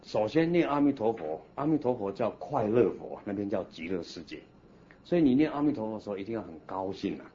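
A deep-voiced man, a Buddhist monk, teaches a class in an animated, coaxing manner and guides the group through slow, steady chanting. The recording is dull and lo-fi, with a faint hiss behind his voice.

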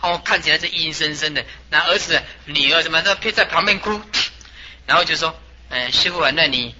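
A man, a Buddhist master, tells a story as a sermon in an animated way and chuckles as he talks. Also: fairly high pitch, fairly quick, muffled recording, a little hiss or hum.

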